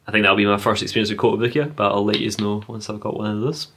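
Bright-voiced, low-pitched man chatting. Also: steady tone, rapid-fire. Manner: hedging, many ums. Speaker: podcast co-host. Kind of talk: casual chat.

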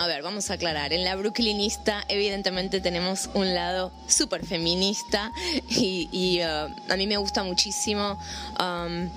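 A woman hosting a relaxed radio interview in a café, chatty and full of small fillers. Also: mid-range voice. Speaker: radio show host. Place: vegan café.

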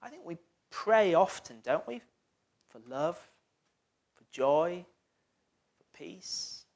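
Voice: medium pitch, expressive, slow pace, a little mellow. A preacher giving a sermon, talking conversationally and putting questions to the congregation, with the voice often sinking almost to a whisper.

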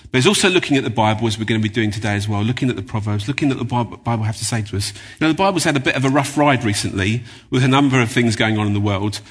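A man's voice: medium pitch, rapid-fire, few pauses, husky. A man giving a chatty, anecdotal sermon in a church, with many fillers. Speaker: guest preacher. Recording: reverberant church hall.

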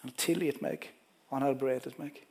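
A man's voice: mid-range voice, fairly even intonation, gravelly, a little mellow, husky. A man speaking as a healed father telling his family he has been forgiven. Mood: tender.

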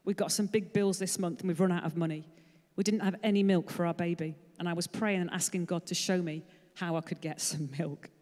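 A woman's voice: fairly low pitch, steady tone, brisk, darkish tone, natural voice. A woman voicing a desperate, tearful young father speaking earnestly, in a reverberant hall. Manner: half crying, earnest.

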